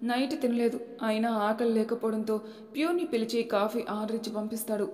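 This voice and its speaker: A woman narrating an audiobook story in a plain, steady storytelling manner. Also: on the high side, brisk. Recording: echoey room with long reverb.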